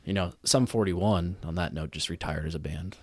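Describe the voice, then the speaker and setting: A man's voice: sits low, normal speed, no echo, clean studio sound. A man co-hosting a podcast, chatting casually and rambling with lots of fillers. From United States. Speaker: podcast co-host. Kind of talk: casual chat.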